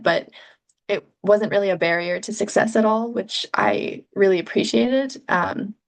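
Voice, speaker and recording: A young Canadian woman who is a PhD researcher gives thoughtful, measured answers in an interview, with frequent ums. Her voice is medium-pitched and creaky.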